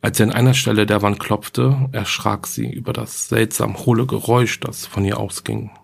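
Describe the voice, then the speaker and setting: Low, gravelly male storyteller. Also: fairly even intonation, normal speed. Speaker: narrator. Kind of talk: storybook narration.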